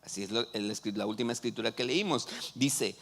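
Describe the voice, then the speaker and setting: A man's voice: mid-range voice, brisk, fairly bright tone. A man, a pastor preaching a sermon who keeps asking the congregation questions. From Mexico. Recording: long hall reverb.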